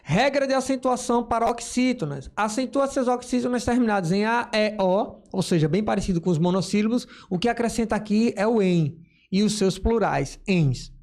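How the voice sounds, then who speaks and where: A man's voice: sits high, moderate pace, a little mellow. A male teacher giving a grammar lesson, explaining step by step and voicing imagined student questions.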